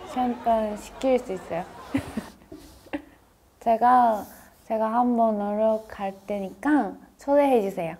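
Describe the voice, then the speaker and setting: A woman in her twenties from Japan with a Japanese accent in Korean, chatting casually in halting, simple non-native phrasing. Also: on the high side, mellow, a faint crowd, slight background noise. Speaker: interviewee in a reaction video. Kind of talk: casual chat.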